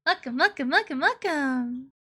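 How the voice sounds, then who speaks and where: A woman livestreamer with a cutesy, playful, excitable anime-streamer manner, chatting casually and greeting viewers. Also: high voice, normal speed. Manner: excitable, exclaiming. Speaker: live streamer.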